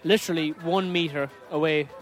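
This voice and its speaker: A man's voice: a little high, fairly even intonation, brisk, faint music behind, some chatter behind. A man co-hosting a travel vlog outdoors on a river boat, talking in an easygoing, playful way. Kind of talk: casual travel chat.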